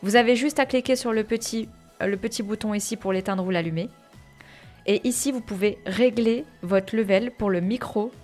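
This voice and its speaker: A woman giving a casual tutorial on streaming software, chatty and full of fillers, calling her viewers "guys". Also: mid-range voice, normal speed, faint music behind. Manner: chatty, many fillers, addresses viewers as "les gars". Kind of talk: casual screen-share tutorial. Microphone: headset or desk mic with earphones.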